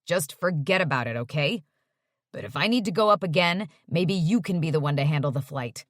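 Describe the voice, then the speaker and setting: A woman's voice: sits low, animated, brisk, no room sound, studio quality. A woman voicing an uptight young man who answers curtly and mutters when annoyed. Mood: irritated. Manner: curt and muttering.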